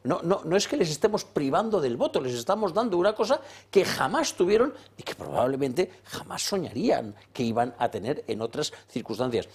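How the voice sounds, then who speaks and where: A man from Valencia, Spain, arguing forcefully as a commentator on a political panel, repeating phrases for effect. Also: a little high, husky. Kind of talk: heated political panel debate.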